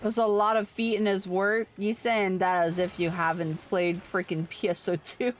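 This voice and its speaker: With a mid-range voice and flat delivery, a woman talks at normal speed to her stream audience during an online game. The chat is casual, playful and informal, with plenty of swearing.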